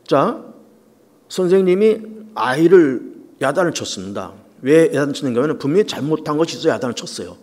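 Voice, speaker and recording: A man's voice: mid-range voice, darkish tone. A man preaching a sermon to his congregation, talking conversationally with many fillers and rising and falling emphasis. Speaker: pastor. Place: church sanctuary. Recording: long church reverb.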